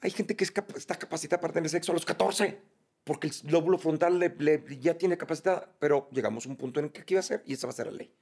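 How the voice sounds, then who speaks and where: A Mexican man speaking as an interview guest, blunt, profane and animated in candid conversation. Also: fairly high pitch, very fast, husky.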